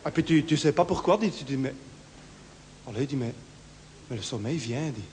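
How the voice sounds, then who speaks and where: Expressive and a little mellow, this man talks at normal speed, performing a nervous, rambling stand-up monologue in a Brussels French accent. He's full of local fillers and jumps suddenly into higher-pitched voices for others. A handheld stage mic in the theatre picks up long hall reverb and faint room noise.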